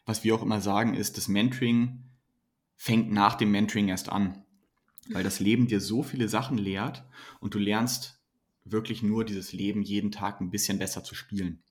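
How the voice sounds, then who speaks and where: A man's voice: fairly low pitch, fairly even intonation, normal speed. A man, a mentoring coach, giving earnest, motivational answers in a podcast interview, often restarting his sentences.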